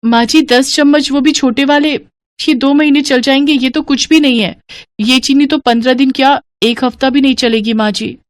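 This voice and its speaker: A woman voicing a put-upon young daughter-in-law in a cartoon, complaining and pleading in a higher voice. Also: steady tone, normal speed, dry recording, clean studio sound, close to an everyday voice.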